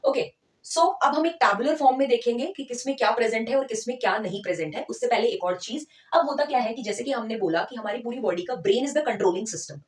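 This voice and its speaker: A woman's voice: a little high, brisk, a little mellow, recorded from a distance. Woman lecturing in an echoey room. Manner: conversational teacher, checks in with listeners. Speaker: physiotherapy lecturer. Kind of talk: explanatory lecture, Hindi mixed with English terms.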